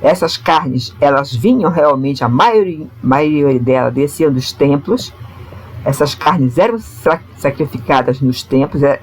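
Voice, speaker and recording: A man's voice: fairly high pitch, breathy edge. A man with a Brazilian Portuguese accent teaching an adult Bible class at church. He speaks earnestly, often calls his listeners brothers, and ends many phrases with a questioning tag. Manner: earnest, addresses listeners as brothers, frequent "né?" tags. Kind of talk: church Bible study lecture.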